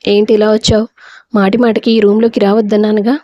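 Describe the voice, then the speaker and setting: A woman voicing a gruff but gentle-hearted young village man in a storybook reading, speaking bluntly and with quiet resignation. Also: medium pitch, flat delivery, quick pace, no room sound, muffled recording, natural voice. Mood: plain,subdued.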